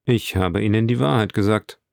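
A man's voice: fairly low pitch, moderate pace, creaky, no echo, studio quality. A man voicing a cool, detached aristocratic count in an audiobook reading. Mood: cold, knowing. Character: cold, composed aristocratic count.

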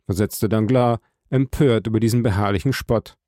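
A man reading a novel aloud as a narrator, at a measured, even pace. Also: fairly low pitch, no echo, studio quality. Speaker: audiobook narrator. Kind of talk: scripted audiobook narration.

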